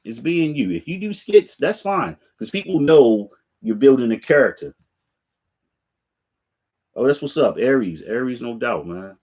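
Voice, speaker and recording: A man's voice: medium pitch, big pitch swings, unhurried, darkish tone. A middle-aged man hosting his sneaker channel, chatting casually and laid-back with viewers from a room full of shoe racks. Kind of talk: casual live chat to viewers.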